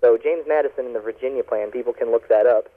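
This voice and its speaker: A man's voice: medium pitch, quick pace. A man calling in to a talk radio interview, heard over a phone line on the radio, explaining earnestly with many ums and uhs. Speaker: activist guest calling in.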